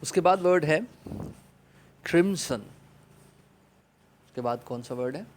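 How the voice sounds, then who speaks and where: A man with a Pakistani accent teaching an online English class to children, saying each vocabulary word loudly and repeating it for them to copy. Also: a little high, slight background noise. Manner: opens with an Arabic prayer, then explains in Urdu.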